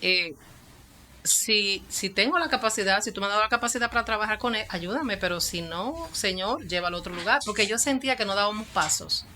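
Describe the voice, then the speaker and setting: A woman with a Dominican accent tells her story in an interview, her voice bright and forward. She is a pastor and psychologist, and she acts out each quoted exchange as she goes. Her pitch sits in an ordinary middle range. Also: lively intonation, fairly quick, slight background noise. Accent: Dominican Spanish. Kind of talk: testimony in an interview.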